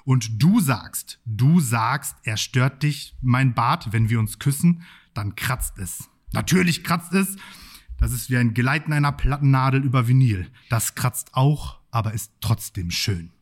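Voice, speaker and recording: A man's voice: medium pitch, measured pace, lightly acted. A man performing a boastful macho bearded man in a comic monologue, full of swaggering mock-tough bragging. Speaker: podcast host.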